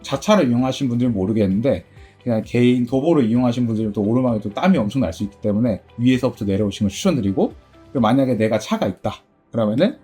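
A middle-aged man who owns a game shop, answering interview questions in a chatty way, full of fillers. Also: slightly rough. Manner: chatty, many fillers, lively pitch. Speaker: game store owner.

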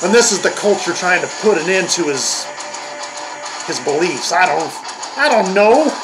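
A man's voice: fairly high pitch, expressive, normal speed, poor audio. An older man hosting a comedic reaction video, grumbling and mocking in a crude, profane way. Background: heavy metal music playing.

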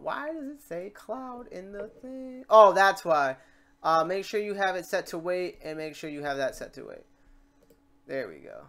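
Narrating a screen recording, this tutorial host speaks at a middle pitch, unscripted and casual, wandering slightly as they reason out loud through every step of the program.

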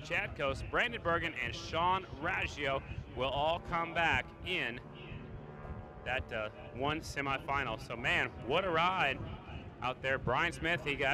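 A man calling a live motorcycle race as track announcer in short, punchy, excited phrases. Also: on the high side, low-quality recording. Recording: loud engine and outdoor noise. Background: motorcycle race track ambience.

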